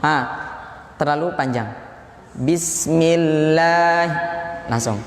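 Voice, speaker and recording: A man's voice: a little high, moderate pace, a little hiss or hum. A man, a Quran recitation teacher patiently drilling a group and counting them in, in a large mosque hall. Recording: echoey hall, faint room ambience.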